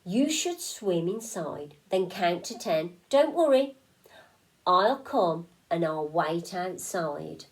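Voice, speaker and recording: A woman's voice: on the low side, lively intonation, takes it slowly, rough recording. A woman voicing an encouraging young fish friend in a storybook, eager and coaxing.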